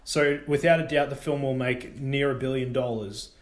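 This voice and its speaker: A young man co-hosting a casual film chat, hopping between topics with bursts of excitement. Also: medium pitch, normal speed. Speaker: podcast co-host. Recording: roomy echo.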